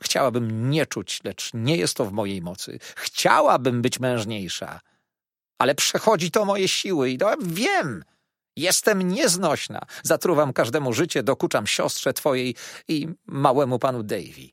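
A man's voice: medium pitch, very animated, a little slow, fairly bright tone, dry recording, clean studio sound, exaggerated voice. A man voicing a whiny, self-pitying older widow who complains through tears in a plaintive, sobbing manner.

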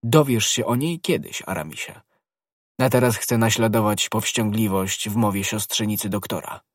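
A man voicing a bold, knowing young guardsman who speaks briskly and gives orders, in a husky voice. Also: fairly low pitch, no echo, studio quality, natural voice.

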